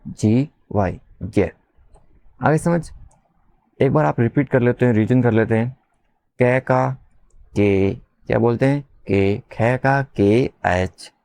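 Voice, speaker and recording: Slow, patient male spelling teacher. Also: mid-range voice, gravelly, warm tone. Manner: repeats sounds and letters patiently, asks questions back. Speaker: English teacher. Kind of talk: slow spelling lesson for beginners.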